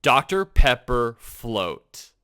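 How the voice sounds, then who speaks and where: A man co-hosting a gaming podcast, talking in an excited, rambling way full of fillers. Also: mid-range voice, very slow, smooth. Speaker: podcast co-host. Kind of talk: casual chat.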